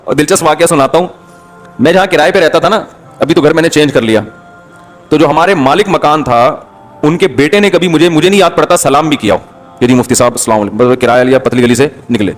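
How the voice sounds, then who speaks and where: Impassioned male cleric, high-pitched delivery. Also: soft background music. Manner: emphatic, impassioned, scolding. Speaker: Islamic cleric. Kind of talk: religious talk to an audience.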